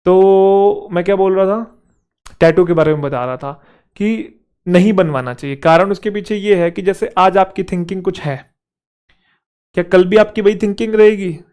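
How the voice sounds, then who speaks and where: A young man teaching English in a relaxed lesson that mixes Hindi and English, asking questions and answering them himself, and reading the English sentences slowly. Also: sits high, smooth. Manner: conversational, asks and answers his own questions. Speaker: English teacher for exam prep.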